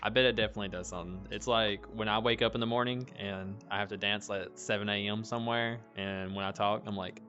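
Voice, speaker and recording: A man's voice: on the low side, fast, few pauses, dull audio, faint music behind. A man hosting a casual chat, with a dry throat, laid-back and laughing often. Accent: noticeable accent. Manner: relaxed, chatty, laughs often. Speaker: host.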